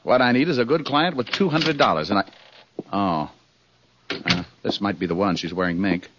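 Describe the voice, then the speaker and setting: An actor playing a wry, quick-witted private detective in a 1950s radio crime drama. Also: male voice, lowish voice, noisy background, lightly acted. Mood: wisecracking. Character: wisecracking hard-up male private detective. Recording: muffled old radio broadcast.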